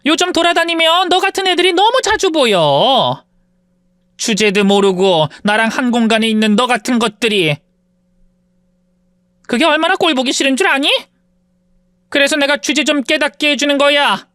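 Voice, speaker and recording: A woman's voice: animated, moderate pace, pauses often, dry recording. A woman voicing an arrogant, spiteful rich middle-aged woman who bullies and insults in an audio story, in a dry close recording. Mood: sneering. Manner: sneering, insulting, shrill when shouting.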